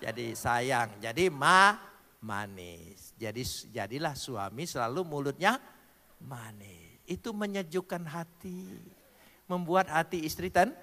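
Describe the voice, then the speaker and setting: A male pastor preaching a joking sermon, spelling out words letter by letter and swinging between loud declarations and low asides. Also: in a large hall.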